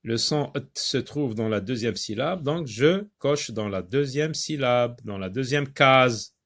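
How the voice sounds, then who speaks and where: A man gives a reading lesson to young children in a slow, unhurried voice. He repeats each word several times and pauses often on long fillers. His pitch sits in an ordinary middle range. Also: lively intonation, a bit bright. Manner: slow, patient, repeats words and syllables for learners; frequent hesitations with drawn-out fillers. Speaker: teacher.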